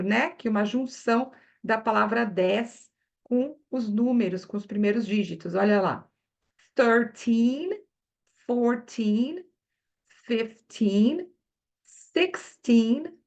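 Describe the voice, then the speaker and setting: A woman with a somewhat high, gravelly voice gives an English pronunciation lesson for Portuguese speakers. She speaks very slowly and models each word in turn, stretching the sounds so the learner can follow. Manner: slow, exaggerated mouth movements for pronunciation; models words one by one, asking learners "né?". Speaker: English teacher.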